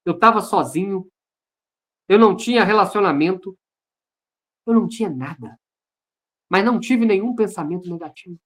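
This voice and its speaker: A man's voice: high voice, a bit bright. A Brazilian man, a pastor, sharing his personal testimony in an online service over a video call, earnest and repeating phrases for emphasis. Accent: Brazilian Portuguese.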